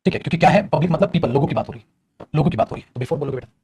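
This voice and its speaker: A man's voice: a little high, lively intonation, racing, dark tone, a little hiss or hum. A man teaching prepositions to a class, explaining patiently and addressing students as "beta". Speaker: English teacher.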